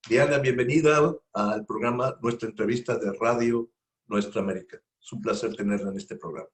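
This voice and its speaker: His voice sits in the mid range, steady and brisk. He's a male radio host giving a loose, casual introduction through a studio microphone, full of repetitions and filler words as he rambles along.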